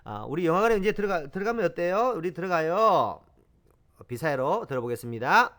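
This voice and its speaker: A man's voice: a little high, sing-song, a little fast, a bit bright. A man hosting a homemade language lesson, drilling phrases aloud and explaining words with frequent fillers and repetition. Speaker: language teacher. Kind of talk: lively self-made language lesson.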